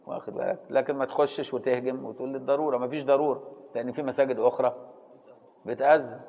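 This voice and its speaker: Man, Egyptian accent, religious teacher, quick pace, reads text then explains casually, asks if listeners follow, echoing hall. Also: mid-range voice, darkish tone, lo-fi sound. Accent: Egyptian Arabic. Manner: reads a passage, then explains it in everyday speech with check-in questions. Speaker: Islamic law teacher. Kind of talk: classical text lesson with colloquial explanation.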